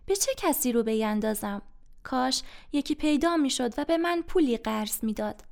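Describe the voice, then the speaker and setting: A woman's voice: sits high, animated, creaky, a little mellow. A woman voicing a poor, ashamed grown man in debt, speaking humbly and hesitantly in a storybook reading.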